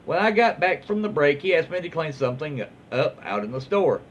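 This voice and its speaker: Reading stories aloud with a Southern US accent, this male host is informal and folksy in his delivery. He talks briskly in a slightly high voice full of big pitch swings. The recording comes across muffled and lo-fi, with faint noise in the background.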